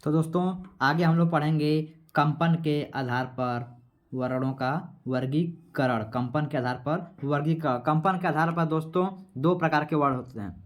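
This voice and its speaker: Man quizzing himself through a lesson. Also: on the high side. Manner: repetitive, quizzing, asks and answers himself; sounds out letters slowly. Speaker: teacher. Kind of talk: exam-prep grammar lesson.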